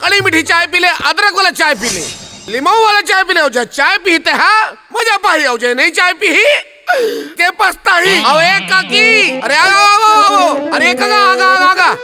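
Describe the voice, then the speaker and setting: An actor playing a cheeky, loud-mouthed street tea seller who hawks in a sing-song, with a Chhattisgarhi accent. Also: male voice, extremely high pitch, expressive, measured pace, music in the background, full character voice. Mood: hawking. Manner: sing-song hawking, teasing.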